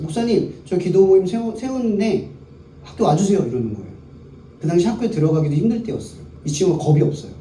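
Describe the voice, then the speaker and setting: Warm in tone and high-pitched, a male pastor's voice carries through a worship hall as he preaches to a youth service. He holds the crowd's attention with questions that he answers himself. The room echoes, the voice is distant, and faint background noise can be heard.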